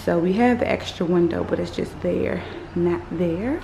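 A woman's voice: fairly low pitch, normal speed, creaky, background noise. A woman in her thirties chatting casually to her phone camera, rambling with fillers as she talks. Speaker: vlogger. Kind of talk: casual vlog chat. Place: parked car, then an unfinished house. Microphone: phone held at arm's length.

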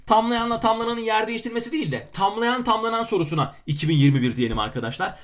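A man's voice: high-pitched, quick pace, fairly bright tone. A man teaching grammar by working through exam questions, with playful self-mocking asides between emphatic explanations. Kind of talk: exam question walkthrough lesson.

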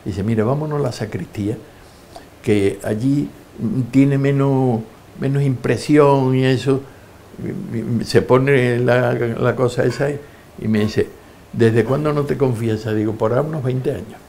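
A man's voice: medium pitch, measured pace, gravelly, slight background noise. An older man in an interview, telling his life stories and acting out the voices of people in them. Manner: lively anecdotes, acting out quoted voices. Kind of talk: storytelling interview.

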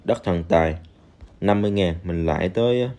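A game reviewer talks casually over a game screen recording in a low, mellow voice at a brisk pace. He's chatty, speaks directly to viewers and uses many fillers.

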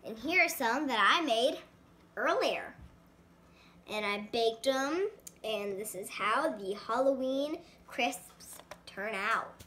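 A woman's voice: a little high, expressive, takes it slowly, bright, forceful tone, a little hiss or hum. A woman casually demonstrating a snack recipe and talking viewers through each step. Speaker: cooking vlogger.

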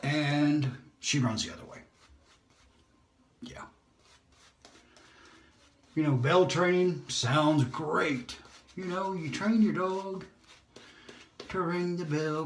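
This fellow shaves while chatting loosely, poking fun at himself and occasionally whispering, as any shaving vlogger might. His pitch sits on the high side with fairly even intonation, and he goes slowly with frequent pauses. Slight hiss or hum comes through a held phone or camera in a roomy home setting.

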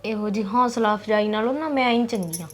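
A woman's voice: medium pitch, quick pace, faint music behind. A woman with a Punjabi accent acting a tired, long-suffering sister in a drama. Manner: weary and resigned. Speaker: actress playing a suffering sister.

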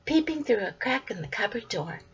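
Older woman reading a children's story, animated. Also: mid-range voice, brisk, breathy edge. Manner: animated, with whispered asides. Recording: dull lo-fi recording.

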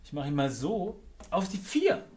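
A man's voice: fairly high pitch, huge pitch swings, moderate pace. A man teaching guitar strumming in a casual way, counting the beats aloud and stressing the accented counts. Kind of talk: casual instructional talk with counting. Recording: guitar playing under the voice. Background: acoustic guitar playing.

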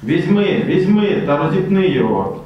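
A man's voice: sits high, sing-song, moderate pace. A man declaiming the crowd's and chief priests' lines in a liturgical Passion reading in church. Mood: demanding. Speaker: reader of the crowd's words. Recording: distant muffled voice in echoey church.

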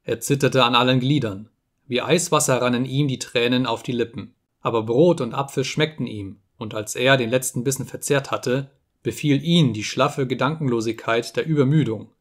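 Calm male audiobook storyteller. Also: mid-range voice. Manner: calm, measured, slowing on solemn phrases. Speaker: audiobook reader. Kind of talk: storybook narration.

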